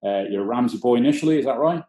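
A man's voice: mid-range voice, rapid-fire, dark tone. A man hosting a casual interview, often rephrasing his questions mid-sentence. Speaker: podcast host. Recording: echoey room sound.

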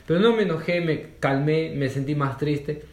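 A man's voice: a little high, normal speed. A man teaching a conversational Bible lesson, telling personal stories with fillers and rhetorical questions. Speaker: church cell group leader teaching a course. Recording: roomy echo.

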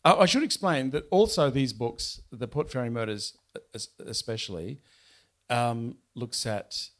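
A man's voice: medium pitch, measured pace. A man, an author chatting wryly and reading aloud from his novel at a bookshop event. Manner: chatty, wry, with fillers and restarts.

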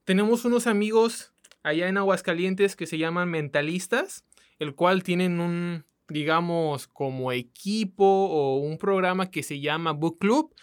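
A woman's voice: lowish voice, unhurried, smooth. A woman from Mexico with a coastal accent, co-hosting a casual podcast in a colloquial, chatty way that speaks straight to listeners. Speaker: podcast co-host.

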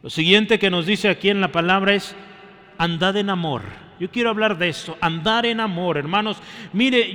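Bright-voiced male preacher in an echoing hall. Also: sits high. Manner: addresses the congregation as brothers, frequent "¿sí?" checks. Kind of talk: sermon. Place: church.

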